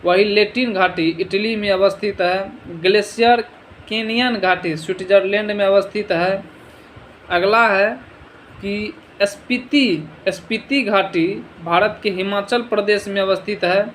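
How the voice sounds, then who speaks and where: A man's voice: sits high, fairly even intonation, unhurried, fairly bright tone, a little hiss or hum, low-quality recording. A man teaching an exam revision lesson, asking short quiz questions and answering them himself, sometimes stumbling over foreign place names.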